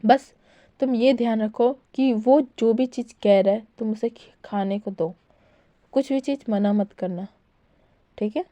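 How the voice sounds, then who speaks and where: A woman doing a calm, caring older brother. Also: a little high, a little slow, dry recording, lightly acted. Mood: soothing. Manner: soothing, reassuring.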